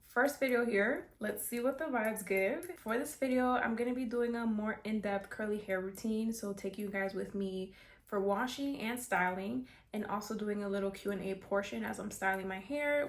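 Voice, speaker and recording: A South Florida beauty vlogger in her twenties, with a voice on the high side, chats upbeat and casually through a hair tutorial, using plenty of "like" and "kinda". There's a little hiss or hum in the audio.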